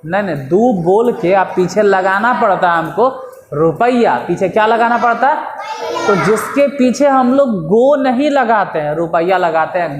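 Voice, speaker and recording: A man's voice: sits high, a little hiss or hum. A male English teacher, giving a classroom lesson and quizzing his pupils. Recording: echoey classroom.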